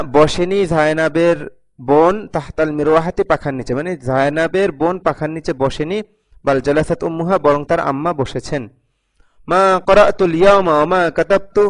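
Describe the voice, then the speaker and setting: Patient man teaching a language lesson. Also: on the high side. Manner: reads each sentence, then translates it line by line; patient, repeats phrases for learners. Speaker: Arabic teacher. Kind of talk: recorded video lesson.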